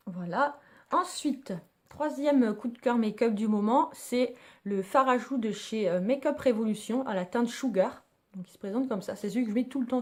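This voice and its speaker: A woman's voice: a little high, warm tone. A woman chatting enthusiastically to her viewers as she reviews her favorite makeup. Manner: chatty, enthusiastic, slangy, addresses viewers as girls. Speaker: beauty vlogger. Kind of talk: casual product review.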